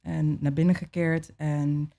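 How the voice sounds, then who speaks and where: A young adult woman being interviewed, telling a personal story in a relaxed way, with many fillers and restarts. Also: low voice, a little slow, creaky. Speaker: interview guest.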